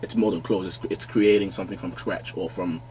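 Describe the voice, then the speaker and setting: A young fashion designer from London, born in Nigeria, is a guest in a small podcast studio for a casual chat. His voice sits on the low side, and he speaks in a relaxed, halting way with many small restarts, laughing easily. He wears headphones at a studio mic on an arm, with a faint noise floor underneath.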